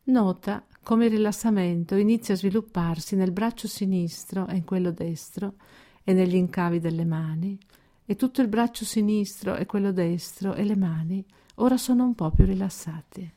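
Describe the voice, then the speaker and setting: Her pitch is medium as she talks listeners through progressive muscle relaxation, reading a script in a calm, measured way and pausing deliberately.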